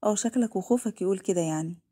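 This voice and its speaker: A woman's voice: mid-range voice, rapid-fire, natural voice. Woman voicing a chatty kind nurse. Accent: Egyptian Arabic. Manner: warm, chatty, reassuring.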